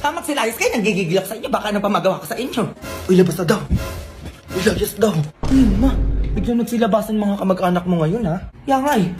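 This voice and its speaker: A woman performing comic family skits, switching quickly between bickering characters. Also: mid-range voice, expressive, music in the background. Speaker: comedy sketch creator.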